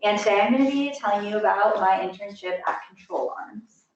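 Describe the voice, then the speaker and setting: A young woman student calmly explaining her internship work. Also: medium pitch, brisk, very noisy. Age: young adult. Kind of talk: presentation. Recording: echoey, distant, dull lo-fi sound.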